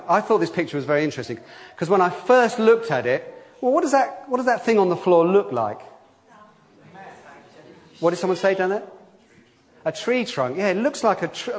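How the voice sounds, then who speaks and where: A man, somewhat high-voiced, talks gently with the children during a church service. He reads scripture and asks questions in an easy, conversational way. His voice rings with the long reverb of a church hall. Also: big pitch swings, normal speed. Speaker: preacher.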